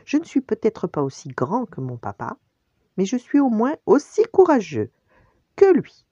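A woman voicing an eager young male lion cub in a high, excited, childlike voice for a bedtime story. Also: normal speed, no room sound. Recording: dull lo-fi dry recording.

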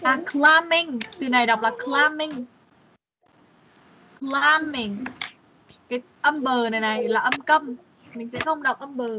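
A woman English teacher on an online class call, explaining patiently and drilling words slowly. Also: sits high, noisy background. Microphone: computer mic on video call. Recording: dull, lo-fi video call audio.

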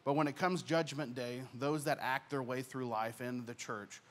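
A young man preaching a sermon on a church stage, speaking earnestly into a handheld mic, rising in volume on key points and dropping soft at the ends of phrases. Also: medium pitch, fairly even intonation, moderate pace. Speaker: pastor.

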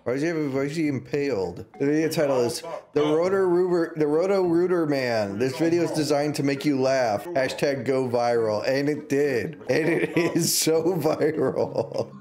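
A young man streaming, reacting to video clips with animated commentary and frequent laughter. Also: on the high side, normal speed, few pauses. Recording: music playing loudly behind the voice. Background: clip audio and music playing.

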